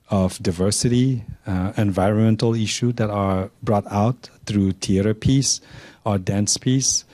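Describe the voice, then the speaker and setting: A man in his forties, born in Cambodia and raised in Canada, giving measured opening remarks on a panel with many fillers and restarts into a handheld microphone in a lecture room. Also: lowish voice, warm tone, no echo. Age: 40s. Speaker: panel speaker.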